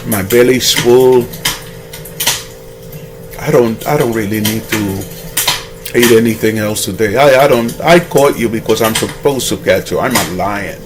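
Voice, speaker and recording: A man's voice: lowish voice, a little slow, long pauses, noisy background, close to an everyday voice. A man voicing a proud, boastful male lion in a spoken fable, over clattering dishes. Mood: smug. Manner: boastful, laughing.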